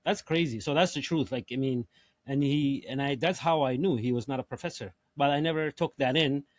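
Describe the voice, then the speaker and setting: A man's voice: medium pitch, a little fast, no echo. Emphatic man reacting to clips. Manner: emphatic, repeats phrases. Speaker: reaction show host. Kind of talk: casual commentary.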